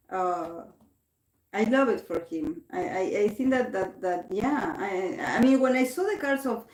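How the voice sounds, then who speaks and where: Speaking slowly with long pauses, this tarot reader lets a crowd murmur in the background of her echoey livestream. She's from Argentina and speaks Spanish natively, but chats casually in English, reading out comments and frequently restarting, her mid-range voice expressive.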